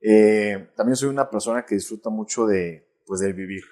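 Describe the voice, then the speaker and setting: Reflective priest, lowish voice. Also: male voice, normal speed, darkish tone. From Mexico. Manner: reflective, frequent tag "¿no?" and restarts. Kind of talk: casual interview conversation.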